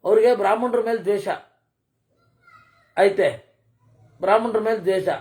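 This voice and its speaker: A speaker giving a scripture discourse, chanting verses slowly and evenly, then explaining them in casual everyday speech with rhetorical questions. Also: medium pitch, fairly even intonation, darkish tone. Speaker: Purana expounder.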